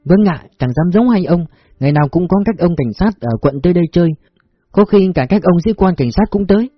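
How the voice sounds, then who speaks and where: A man reading a story, voicing a humble, polite poor woman who sells food; husky and dry. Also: high-pitched, lively intonation, quick pace, dry recording, muffled recording, faint music behind, pitched above the performer's own voice. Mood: deferential. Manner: deferential, polite.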